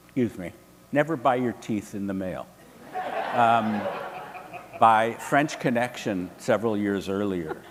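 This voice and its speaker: Male panelist, low voice, animated storyteller, long reverb and faint hum. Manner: animated, quotes others in lively voices. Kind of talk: anecdotal storytelling. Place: hotel event room.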